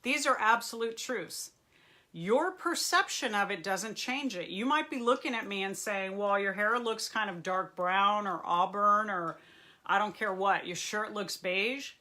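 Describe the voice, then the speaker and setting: A middle-aged woman therapist hosts a live online Q&A in front of a bookshelf, speaking into a webcam. Her voice is bright and crisp, and she keeps the talk animated and full of jokes. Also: mid-range voice, a little slow. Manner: animated, joking, reads out viewer comments. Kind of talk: live-stream talk to viewers. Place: room in front of a bookshelf and ladder.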